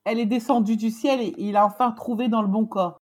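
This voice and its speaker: A woman's voice: on the high side, fairly even intonation, a little fast. A woman co-hosting a casual French chat, mostly adding brief agreeing remarks. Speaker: podcast co-host.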